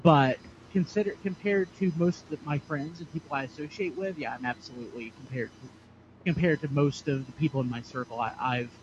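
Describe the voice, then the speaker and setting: A man's voice: a little high, a little fast, dull audio, noisy background. A man in a casual group chat, emphatic and qualifying his points. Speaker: guest.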